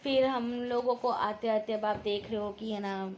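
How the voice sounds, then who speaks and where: A young woman with a fairly high voice chats to camera in a loose, storytelling way, sounding tired and sleepy. Faint noise hums behind her. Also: fairly even intonation, unhurried, a little mellow. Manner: chatty storytelling, quoting relatives. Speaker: vlogger. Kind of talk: casual chat to camera.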